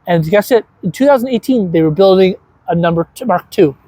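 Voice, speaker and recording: A man's voice: high-pitched, lively intonation, brisk, dark tone, no echo. A man chatting casually as he explains old electric cars in an indoor museum, enthusiastic and rambling, with many restarts. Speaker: co-host explaining car exhibits. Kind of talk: casual chat touring a museum. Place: indoor car museum hall.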